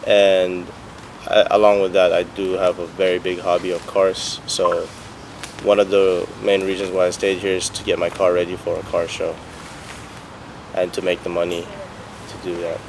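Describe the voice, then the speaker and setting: Low, flat-voiced young man. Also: moderate pace, a little hiss or hum, low-quality recording. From Philippines, raised in Bahrain. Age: young adult. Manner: relaxed, with fillers. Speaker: engineering student. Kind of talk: casual testimonial.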